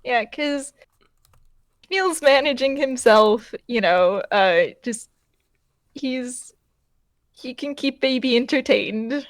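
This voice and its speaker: High-voiced, unhurried woman. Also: expressive, no echo, clean studio sound. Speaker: tabletop game player. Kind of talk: casual narration of her character's actions.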